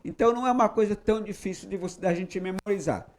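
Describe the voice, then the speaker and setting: A Brazilian man with a high-pitched voice teaches English grammar in a patient explanatory style. He repeats each English example sentence slowly. He keeps checking in with short "tá?" and "ok?" tags. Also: darkish tone. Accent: Brazilian Portuguese.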